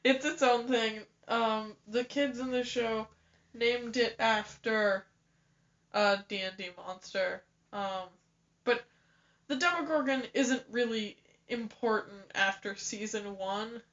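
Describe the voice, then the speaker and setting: A woman's voice: a little high, fairly even intonation, slow pace, a bit bright. A young woman co-hosting a casual podcast, giggly and a little hesitant as she explains things. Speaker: podcast co-host. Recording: dull lo-fi home recording.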